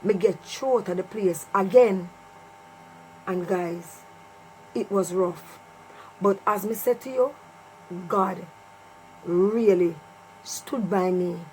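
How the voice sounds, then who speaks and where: A woman's voice: medium pitch, slow pace, pauses often, darkish tone, low-quality recording. A middle-aged woman with a Jamaican accent tells a personal story casually to viewers, repeating phrases for emphasis. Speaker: vlogger telling a personal story. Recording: clear mains hum and noise.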